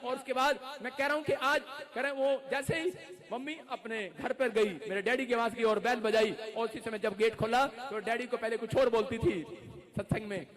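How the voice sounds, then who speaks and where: A male pastor preaching a fervent sermon, moving between storytelling and shouting. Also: extremely high pitch, fairly even intonation, normal speed. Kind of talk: Pentecostal sermon. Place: church service. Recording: live church recording with crowd noise. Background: congregation audible.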